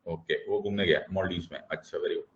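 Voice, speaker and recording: A low-pitched man gives an animated classroom lecture at a brisk pace, mixing Hindi and English and repeatedly checking whether everyone understands. The recording has a roomy, dull classroom sound.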